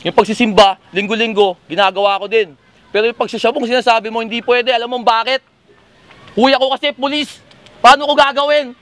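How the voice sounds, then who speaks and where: A man's voice: extremely high pitch, fairly even intonation, a little fast, a bit bright. A man freestyling conversational, comedic battle rap banter in a teasing, profane manner. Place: live battle rap event. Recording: noisy urban ambience with vehicles.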